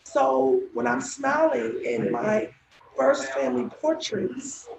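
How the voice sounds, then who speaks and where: A woman's voice: sits high, slow pace, gravelly, background noise. A woman chatting casually on a live stream as a restaurant owner and guest, her speech slightly impeded by braces. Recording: echoey, dull live stream with crowd chatter.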